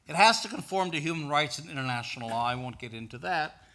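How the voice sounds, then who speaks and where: An older American man, a guest speaker, answers an audience question at a talk in a slightly high, sharp, animated voice at a quick pace. He starts hesitantly with many restarts, then explains earnestly.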